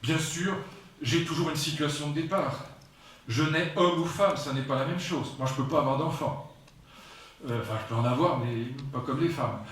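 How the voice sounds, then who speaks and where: Speaking at an ordinary pace with a somewhat high, fairly bright voice, this sixty-something man from France lectures publicly on philosophy. His style is digressive and emphatic, full of remarks aimed at the audience. The recording comes from far off in a strongly echoing lecture hall.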